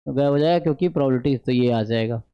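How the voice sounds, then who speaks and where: A man giving an online statistics lecture, explaining step by step, often checking in with the class and slowing down to dictate formulas. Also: mid-range voice, clear, resonant tone, dull audio. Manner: mixes English math terms into speech; slows to dictate formulas aloud. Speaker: statistics teacher.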